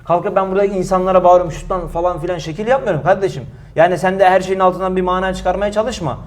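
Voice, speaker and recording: A young man preaching in a mosque, answering a critic forcefully, with many rhetorical questions and repeated phrases. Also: high voice, fairly even intonation, fast. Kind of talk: heated religious talk, defensive.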